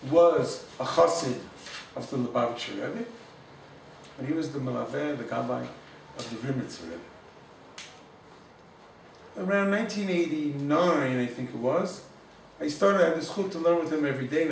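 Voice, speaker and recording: A man giving an informal Torah class, telling a story warmly and mixing in Hebrew and Yiddish words. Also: medium pitch, creaky, far from the mic, a little hiss or hum. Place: room in Jerusalem. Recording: echoey room, speaker away from the mic.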